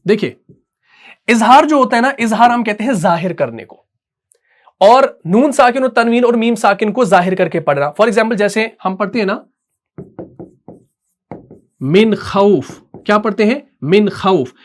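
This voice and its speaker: A man's voice: high voice, expressive. Patient male Quran recitation teacher. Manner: patient and repetitive, slows down to dictate and asks if it is clear. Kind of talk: dictated classroom lesson.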